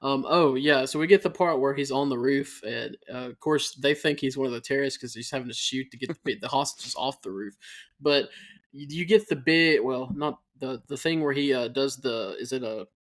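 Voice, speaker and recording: A man's voice: medium pitch, moderate pace, fairly bright tone. A man co-hosting a casual movie podcast, rambling, laughing often and losing his train of thought. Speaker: podcast co-host.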